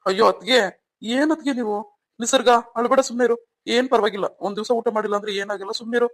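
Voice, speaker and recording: A man voicing a calm, reassuring young husband in a cartoon story. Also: extremely high pitch, fast. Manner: soothing, reassuring.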